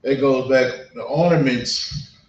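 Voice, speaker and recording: An American man with a medium-pitched voice delivers an informal sermon from a distance in a dull, echoey room. His speech halts and repeats itself, staying conversational and often checking in with listeners.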